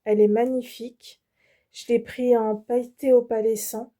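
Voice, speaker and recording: A French woman hosts her embroidery channel, showing off fabrics in a casual, hesitant way full of fillers and restarts. Her voice sits fairly high with little pitch movement, and she speaks at a moderate pace with a warm tone.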